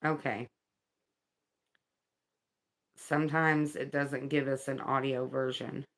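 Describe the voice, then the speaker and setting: A woman giving a casual spiritual card reading, reading aloud in a slow, thoughtful way and second-guessing herself. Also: very deep voice, flat delivery.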